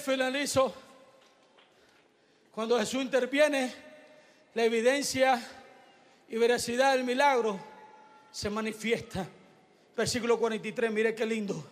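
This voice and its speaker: A man preaching a fiery sermon, shouting in bursts and repeating phrases. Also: extremely high pitch, in a large hall.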